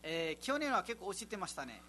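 A man co-hosting a chatty radio show. He talks fast, with a high, very bright and tense voice. A faint hiss sits under the sound. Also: big pitch swings. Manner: quick, bright, playful retorts. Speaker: radio co-host. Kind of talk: casual radio chat.

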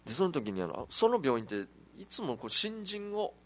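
A man hosting a casual radio chat, teasing his co-host with deadpan jokes. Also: on the high side, brisk.

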